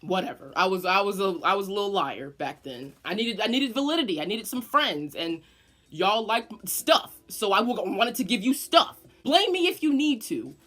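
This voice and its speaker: Speaking at medium pitch and a moderate pace, an 18-year-old woman vlogger delivers a casual, dramatic storytime to her audience, animated throughout and cursing freely.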